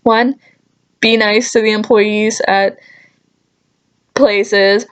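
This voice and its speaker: A woman vlogger speaks very slowly in a mid-range voice with a steady tone. She tells stories to the camera in a casual, comedic way, joking, mock-scolding, and dropping dry asides.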